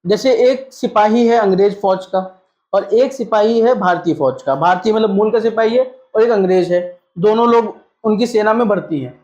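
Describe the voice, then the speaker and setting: His voice sits high and a little mellow, at normal speed, as he gives a classroom-style lesson in Hindi mixed with English terms. He raises questions and answers them on his own, recorded in an echoey room that sounds slightly dull.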